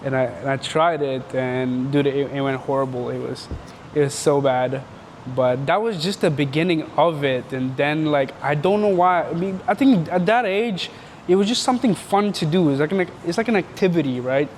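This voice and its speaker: A young Canadian entrepreneur tells his story in a casual interview, rambling and slangy and full of filler words. His voice is on the high side, at a moderate pace, with slight background noise.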